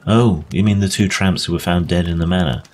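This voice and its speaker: In a brisk, lightly acted reading, a man voices a genial gentleman ghost hunter with an extremely deep voice. He explains his case in a conversational way using old-fashioned storybook language, over clear recording noise.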